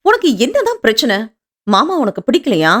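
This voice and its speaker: A woman voicing a sharp-tongued young sister who scolds briskly and insistently. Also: high-pitched, huge pitch swings, pitched above the performer's own voice, full character voice. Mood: scolding.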